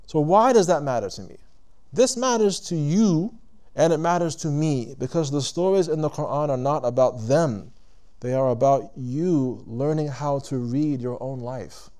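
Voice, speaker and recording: A man with a fairly high, warm voice delivers a reflective religious lecture to a live audience. His delivery is conversational and deliberate; he asks the listeners questions and stops now and then to rephrase.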